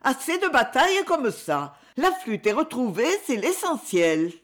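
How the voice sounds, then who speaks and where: A young woman pleads for peace in a raised, lighter voice, as a storyteller puts her on. Her tone is calm and soothing, lifting high in pitch, in an audiobook reading. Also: a little slow, exaggerated voice. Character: eldest of five pretty sisters, peacemaking young woman.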